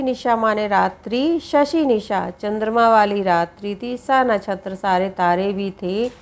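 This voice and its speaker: A woman teacher giving a poetry lesson. She reads each verse line, then explains it slowly in plain words, often repeating herself. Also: a little high.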